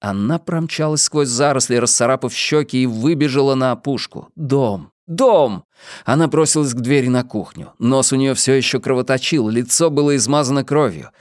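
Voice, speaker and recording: A man's voice: medium pitch, a little fast, hardly any pauses, no echo, clean studio sound. A man reading a novel aloud as a narrator, with a tense, dramatic delivery. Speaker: audiobook reader. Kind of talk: scripted narration.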